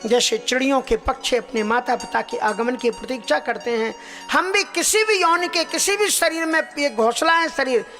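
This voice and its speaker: A man's voice: extremely high pitch, normal speed, pushed and bright. Man preaching in a reverberant hall. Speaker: preacher giving a scripture discourse. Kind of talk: devotional religious discourse. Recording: long hall reverb with faint music.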